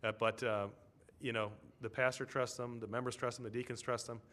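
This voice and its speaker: A man's voice: medium pitch, level tone, brisk, fairly bright tone. Man preaching in a conversational storytelling way. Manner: storytelling, with tag questions to the congregation. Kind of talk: conversational sermon.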